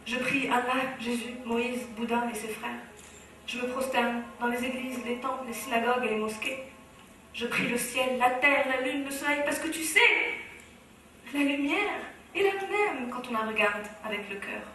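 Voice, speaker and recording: On stage in a large hall, a Moroccan woman performs a rhythmic, impassioned spoken-word slam. Her voice is fairly high and fairly bright at a moderate pace, with a little hiss or hum. It's captured from far off in a very echoey space.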